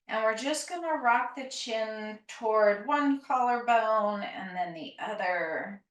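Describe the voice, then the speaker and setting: Slow, calm woman guiding grounding yoga, roomy sound. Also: a little high. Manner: gentle, unhurried, encouraging instruction with soft phrase endings. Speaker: yoga instructor. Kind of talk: calm grounding exercise, guided gentle yoga and breathing. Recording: roomy, echoing, distant microphone.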